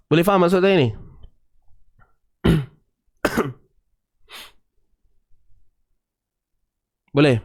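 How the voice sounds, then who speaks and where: Malaysian Malay male Quran teacher, chatty casual tajwid lesson, slightly high voice, keeps checking understanding.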